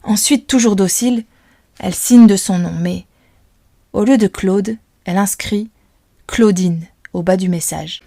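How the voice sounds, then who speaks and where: A woman narrating a children's audiobook in a calm, soft voice. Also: medium pitch, no echo, studio quality. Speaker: audiobook reader.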